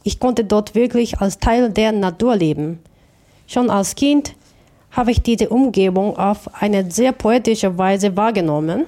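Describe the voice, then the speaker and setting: A woman's voice: medium pitch, unhurried, mellow. A woman from Japan, a Japanese native speaker, answering interview questions about her art in a careful, thoughtful way with small restarts. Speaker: artist.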